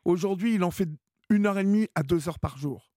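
A man's voice: high-pitched, a little fast, dark tone, no echo, clean studio sound. A man hosting a late-night radio call-in show, giving advice with many hesitations and restarts. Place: radio studio.

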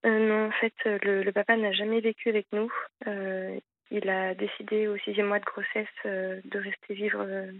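A young woman calling a radio show by telephone, giving a personal account in a halting, hesitant way. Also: medium pitch, level tone, no echo. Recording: narrow, dry phone line.

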